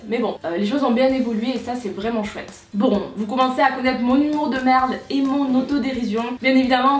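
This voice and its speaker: A young woman ranting on her home vlog, brash, crude and self-mocking, breaking into loud outbursts. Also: high-pitched, roomy sound, distant mic. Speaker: youtuber. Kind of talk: comedic rant vlog. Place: at home on a sofa.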